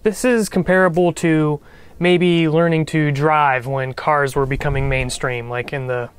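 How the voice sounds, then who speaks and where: Speaking to camera in a relaxed coding tutorial, this young man sounds nasal because of a cold and keeps things upbeat with jokey asides. His voice sits on the high side, steady and clean, at a measured pace.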